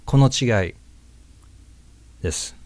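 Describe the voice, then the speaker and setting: A man's voice: slow, a little mellow, dry recording. A man giving a casual video lesson on English pronunciation, demonstrating and exaggerating sounds as he explains.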